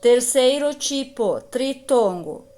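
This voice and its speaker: Brazilian woman teacher for a kids' lesson, slow and patient, a touch high. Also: lively intonation, warm tone, faint music behind. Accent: Brazilian Portuguese. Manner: slow, patient, stretches out example words. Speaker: primary school teacher. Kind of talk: recorded grammar lesson.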